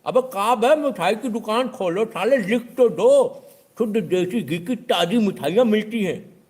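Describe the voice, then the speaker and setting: A man voicing a rough, pushy male know-it-all customer, hectoring and nitpicking. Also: high-pitched, animated, a little slow, darkish tone, voice pushed up. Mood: exasperated.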